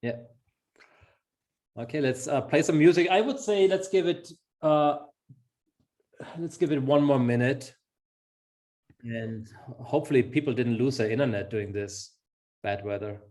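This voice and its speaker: A middle-aged Austrian man, a native German speaker with an Austrian accent, works as a sales executive and hosts an upbeat, chatty webinar over a video call. He's effusive and encouraging. His mid-range, darkish voice moves unhurriedly, with frequent pauses.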